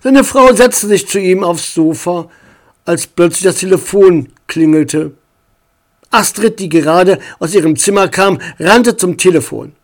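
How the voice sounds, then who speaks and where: A man narrating a story aloud, calm and measured. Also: high voice.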